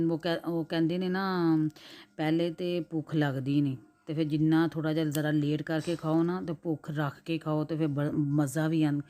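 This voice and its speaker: A Pakistani woman in her forties, a cooking vlogger with a Punjabi accent, narrates her day in a casual, chatty way. Her voice is low and mellow but hoarse from the flu, and she clears her throat every so often. She drifts easily from one topic to another.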